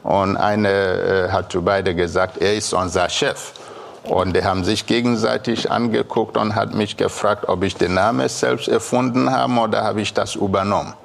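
A man from Nigeria, a restaurant owner telling an anecdote as a guest on a TV talk show, calm and hesitant with fillers. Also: fairly low pitch, moderate pace, vocal fry. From Biafra, Nigeria.

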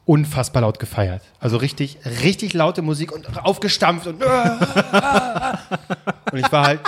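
A man's voice: fairly high pitch, animated, a little slow, a bit bright, husky. Hesitant, laughing young man telling a story. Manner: rambling, hesitant, often laughing. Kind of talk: casual storytelling chat.

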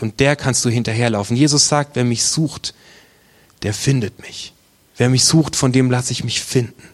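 A man preaching, telling his own faith story earnestly and intimately, at times dropping to a near whisper. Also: medium pitch. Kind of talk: testimony sermon.

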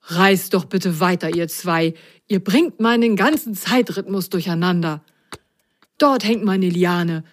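A woman voicing a fussy male cuckoo in a children's story, brisk and slightly annoyed. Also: lowish voice, lightly acted. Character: fussy male cuckoo who calls the hours.

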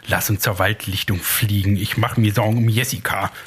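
A man's voice: on the low side, steady tone, moderate pace, a bit bright, breathy edge. A man voicing Laura, a caring and brave young girl, in a read-aloud children's story. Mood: earnest.

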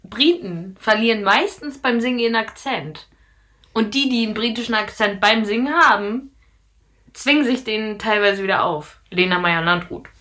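A woman's voice: medium pitch, moderate pace, pushed and bright. A young woman co-hosting a podcast, chatting casually and bluntly, often laughing. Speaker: podcast co-host. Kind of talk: casual chat.

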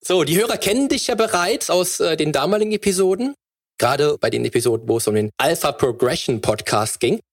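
A man's voice: on the high side, expressive, a little fast, no room sound, clean studio sound. A man hosting a fitness podcast, reading a sponsor spot and then asking long, searching questions. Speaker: podcast host.

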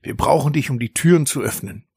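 A man's voice: mid-range voice, fairly quick, creaky, husky, no echo, studio quality. A man doing a sly whispering mouse. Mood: hushed scheming. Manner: hushed, conspiratorial. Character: sly male mouse leader, whispering schemer.

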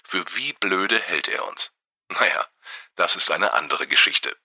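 A man voicing a friendly, brisk female detective in an audiobook, speaking in a quick, lively way. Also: sits low, gravelly, breathy edge, dry recording, clean studio sound, full character voice. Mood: knowing, brisk.

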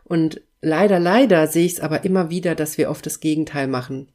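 A woman with a low, deep voice speaks alone on her podcast, addressing the listener directly. She sounds earnest and builds her sentences from stacked lists. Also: fairly quick, darkish tone. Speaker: podcast host and coach. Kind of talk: scripted solo podcast monologue.

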